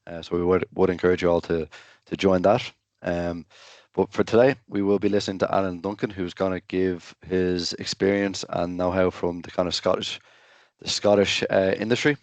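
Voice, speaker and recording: A deep-voiced man introduces a session on a video call. His delivery is matter-of-fact and hesitant, with very little melody. The sound is dry and close. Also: level tone, normal speed, no echo. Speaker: webinar host. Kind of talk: informal project introduction.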